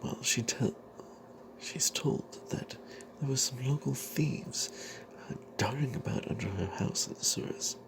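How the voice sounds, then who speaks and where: At a medium pitch, a man delivers a fantasy tale in breathy ASMR whispers, in character as a suspicious, wry cleric who adventures. He speaks haltingly and softly, with noise behind him.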